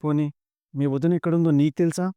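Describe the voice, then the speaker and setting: A man voicing a weary, heartbroken elderly grandfather in a rapid, dry retelling of a serial episode. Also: fairly high pitch, steady tone, dark tone, smooth, no room sound, close to an everyday voice. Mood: anguished.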